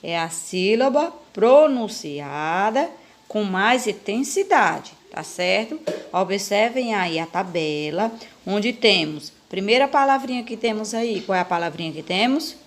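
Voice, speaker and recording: A woman's voice: mid-range voice, lively intonation, unhurried. A female primary school teacher with a Brazilian Portuguese accent, recording a lesson for young children. She talks patiently and coaxingly, asking questions and repeating key words.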